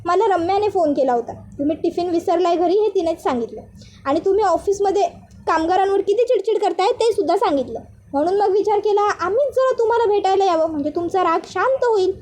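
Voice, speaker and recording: A woman's voice: extremely high pitch, lively intonation, quick pace, darkish tone. A woman voicing a playful, affectionate young wife in a retold serial, speaking in a coaxing, teasing way.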